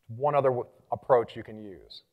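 A man speaking as a conference presenter, energetic and engaging, leading the audience through exercises and getting louder as he rallies the room. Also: medium pitch, normal speed, narrow, tinny audio. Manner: animated, gets louder when rallying the room. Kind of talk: live conference talk.

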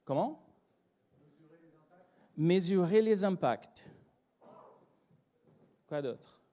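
Slow Brazilian man giving a talk. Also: high-pitched, expressive, mellow. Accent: Brazilian Portuguese. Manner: hesitant, many fillers and restarts, joking. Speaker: agile trainer and consultant. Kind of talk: conference talk. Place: conference room with live audience.

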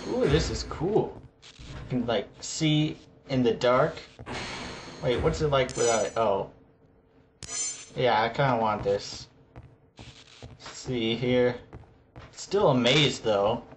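A man's voice: mid-range voice, slow pace, long pauses, slight background noise, rough recording. A man doing casual let's play commentary, jokily complaining and talking back to the game.

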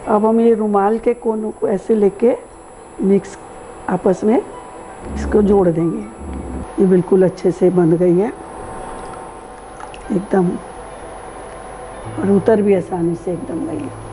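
A middle-aged woman guides viewers through a recipe, calmly explaining every step. Her voice is warm and mellow. Faint music plays beneath her. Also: mid-range voice, poor audio. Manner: calm, explains each step slowly. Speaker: cooking show host. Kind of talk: step-by-step cooking instruction.

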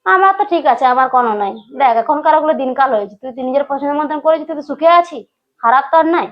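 Woman playing an elder sister, Manbhum Bengali accent, firm and lecturing, very fast, dull lo-fi sound. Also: high voice, lightly acted. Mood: confiding. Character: outspoken elder sister scolding her mother. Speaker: elder daughter. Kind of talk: amateur village comedy drama.

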